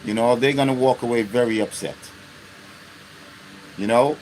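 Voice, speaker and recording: A fifty-something man hosts an unscripted live stream at a normal pace, his medium-pitched voice a bit mellow. Bluntness and profanity mark his talk, along with steady rhetorical check-ins aimed at listeners. Slight background noise sits under the poor audio.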